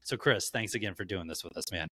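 A man hosts a podcast with a low, bright, forceful voice. He talks candidly and loosely, swearing without a second thought. The sound is dry and close. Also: fast talker, dry recording. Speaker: podcast host. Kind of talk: casual podcast chat.

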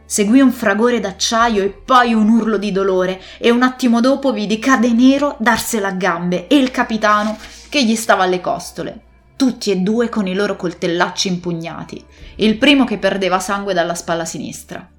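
A woman narrating a classic adventure novel as scripted narration, telling the story in a steady, expressive way. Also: mid-range voice, moderate pace, soft background music. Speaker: audiobook narrator.

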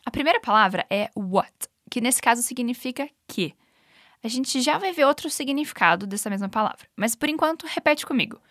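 Brazilian woman, english teacher, encouraging, high voice, lively pitch, dry sound. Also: brisk, no room sound. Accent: Brazilian Portuguese. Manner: upbeat, encouraging, clear. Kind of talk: language lesson with repetition drills.

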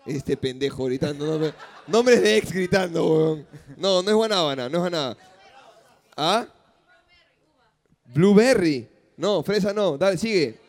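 A man's voice: fairly high pitch, lively intonation, a little slow, long pauses. A male comedian, telling a story on a live comedy podcast and acting out the dialogue.

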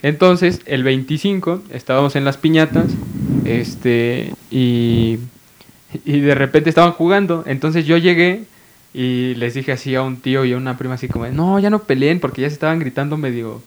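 A man's voice: mid-range voice, normal speed, slight background noise. A young man with a Mexican accent, a podcast co-host telling a family anecdote in casual chat, laughing as he goes.

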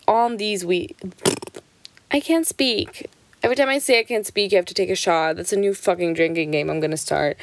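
A woman's voice: medium pitch, no room sound. A young woman from Switzerland hosting her own podcast, chatting casually, rambling, swearing freely and often restarting her sentences. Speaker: podcast host. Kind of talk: casual solo podcast chat.

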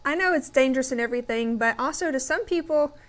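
A woman co-hosting a casual talk show, speaking in a relaxed, conversational way. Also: high-pitched, fast talker. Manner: relaxed and conversational, with frequent agreeing replies. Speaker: co-host. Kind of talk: casual chat.

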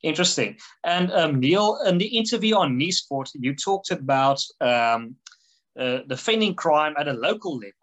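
A man interviewing in a conversational way, putting his questions haltingly. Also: on the high side, lively intonation, fairly bright tone, lo-fi sound.

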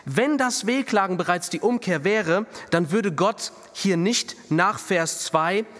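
A middle-aged male pastor preaching a sermon, animated, moving between hushed and emphatic delivery. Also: high-pitched, slow. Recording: long reverb of a church hall.

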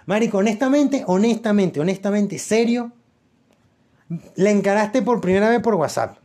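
A man's voice: sits high, normal speed, dark tone. A young Venezuelan man telling stories in a loose, slangy casual chat, full of fillers and repeats. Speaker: podcast co-host.

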